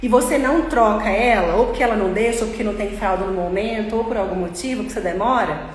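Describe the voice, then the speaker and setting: A woman's voice: mid-range voice, quick pace, slight background noise. A woman in her thirties with a Bahian Brazilian accent, giving a casual, jokey English lesson and repeating sounds to model pronunciation, recorded in an echoey room. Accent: Bahian Brazilian Portuguese. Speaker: English teacher. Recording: echoey room with long reverb.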